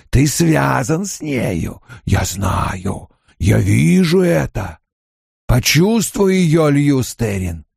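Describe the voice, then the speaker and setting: Guy doing a dark lord villain for a fantasy audiobook, cruel n commanding, swooping pitch, real slow and tempting. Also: gravelly, slightly rough, dry recording, clean studio sound, heavily acted. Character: cruel, insinuating dark lord, burned-faced male villain tempting his prey. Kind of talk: dramatic audiobook character voice.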